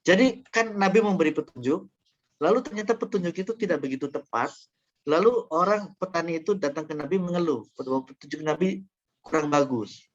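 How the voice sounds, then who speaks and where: A man with a fairly high voice lecturing a class, working through examples and often stopping to restart his sentences. The sound is dull and lo-fi, as if from a classroom recording. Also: fairly quick. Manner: explains through examples with frequent fillers and restarts. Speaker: university lecturer. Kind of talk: classroom lecture on Quran interpretation.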